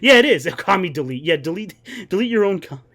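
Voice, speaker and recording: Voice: mid-range voice, very animated, fast talker, a bit bright. A streamer giving casual, sardonic, sweary commentary while playing and reading out a video game. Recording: game music behind the voice.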